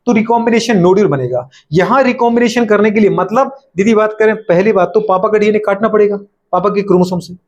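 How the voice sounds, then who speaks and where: A man's voice: high-pitched, darkish tone, dull audio. A male biology teacher with a Hindi accent, lecturing a class, often asking questions and answering them himself, teasing his students.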